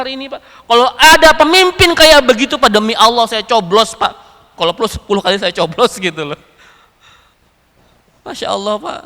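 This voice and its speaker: A man preaching a storytelling sermon, animated and often turning to address his listeners directly. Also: very high-pitched. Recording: echoey hall.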